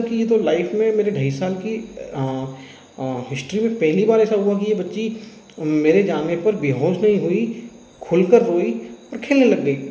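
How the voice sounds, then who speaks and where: A homeopathic doctor explaining a patient case in a lecture, retelling what happened with quoted dialogue and slipping into terms spoken. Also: male voice, high-pitched, mellow, roomy sound, poor audio.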